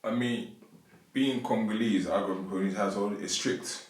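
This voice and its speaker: A man's voice: lowish voice, fairly quick. A man hosting a podcast and asking his guest easygoing questions. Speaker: podcast host. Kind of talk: casual interview chat. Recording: echoey room, mic at a distance.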